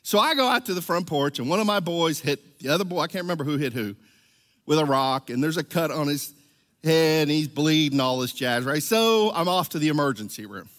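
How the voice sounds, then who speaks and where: Man, middle-aged, church elder, conversational sermon, slightly high voice, long reverb of a big church hall. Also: lively intonation, fairly quick, fairly bright tone. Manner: chatty storytelling, keeps asking "right?". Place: church sanctuary.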